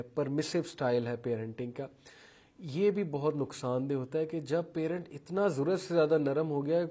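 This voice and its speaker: A man's voice: on the high side, warm tone. Man lecturing on parenting, mixing English terms. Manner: mixes English terms into Urdu, lists traits one by one; acts out parents' and children's words while telling examples. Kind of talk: explanatory talk on parenting styles.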